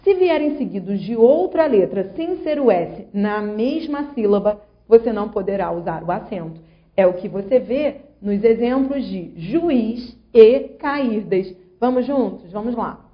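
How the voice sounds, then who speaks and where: A woman's voice: mid-range voice, animated, unhurried. A woman grammar teacher, explaining rules patiently and sounding out syllables one by one. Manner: patient, syllable-by-syllable explaining, asks viewer along. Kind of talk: online grammar lesson. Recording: slightly dull lo-fi audio.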